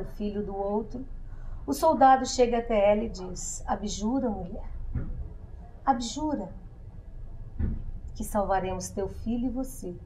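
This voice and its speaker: A woman appearing as a guest on a TV interview show in a studio, telling a religious story in a soft, solemn way. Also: fairly high pitch, slight background noise, poor audio.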